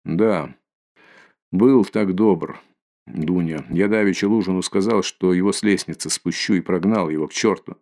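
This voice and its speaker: A man's voice: deep voice, fairly quick, darkish tone. A man voicing a feverish, irritable young man. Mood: strained insistence.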